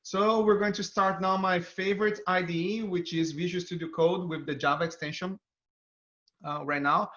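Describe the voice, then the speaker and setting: At normal speed and with a steady, sharp tone in a high register, a man with a Brazilian accent presents a tech talk as a developer advocate. He upbeatly walks the audience through a live coding demo. The recording is a dull, band-limited video stream.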